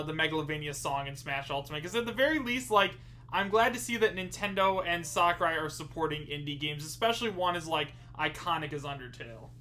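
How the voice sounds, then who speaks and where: A man's voice: sits high, bright, forceful tone. A man hosting a casual gaming chat, talking eagerly in slang with lots of "dude" and "bro". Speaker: host.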